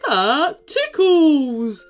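A big, greedy storybook troll, as a woman puts him on, bellowing his lines in a pitched-up, blustery voice that swings wildly up and down. He sounds set a little apart from the mic, with faint music underneath. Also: very animated, very slow, heavily acted. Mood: gloating. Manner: booming, blustery exclamations. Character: hulking greedy male troll, boastful then cowardly.

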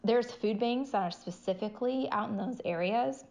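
A woman's voice: a little high, moderate pace, a little mellow. A young woman co-hosting a casual chat, blunt and profane, filling her talk with "like". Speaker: podcast co-host.

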